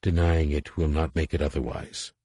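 A man voicing a calm, solemn reptilian alien warrior woman with a rough voice, who speaks formally and calls herself "this one". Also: rumbling low, normal speed, no echo, studio quality. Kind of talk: audiobook character voice.

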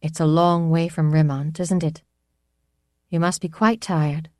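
A woman voicing a calm, courteous noblewoman speaking politely to a guest. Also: low-pitched, unhurried, no echo, studio quality.

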